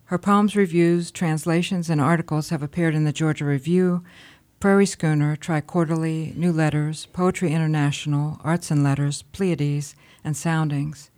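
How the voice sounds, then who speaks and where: A woman's voice: low voice, fairly even intonation, normal speed, a little mellow. A woman hosting a weekly radio program, reading a guest introduction and then chatting. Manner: scripted introduction, then friendly chat. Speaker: radio show host. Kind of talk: radio interview.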